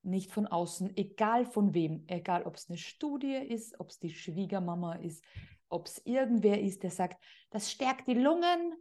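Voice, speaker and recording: A woman's voice: medium pitch, lively intonation, measured pace, mellow. A middle-aged woman hosting a podcast interview as a parent coach, speaking in an outspoken, emphatic way.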